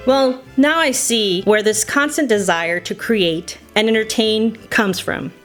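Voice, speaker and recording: A woman from the United States shares nostalgic personal stories, scripted and narrated over music, in a slightly high voice at a somewhat slow pace. She sounds playful and wistful, slipping into Spanish phrases now and then.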